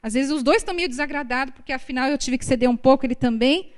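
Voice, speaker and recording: A woman's voice: high-pitched, fast talker. A woman with a Brazilian Portuguese accent giving a sermon at a prayer group, speaking conversationally and acting out family dialogues.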